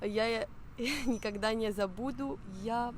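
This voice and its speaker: A young woman from Spain, whose first languages are Spanish and Italian, is a guest in a casual interview held in Russian she has learned. Her fairly high voice moves slowly and hesitantly as she hunts for words with fillers. Slight background noise is audible.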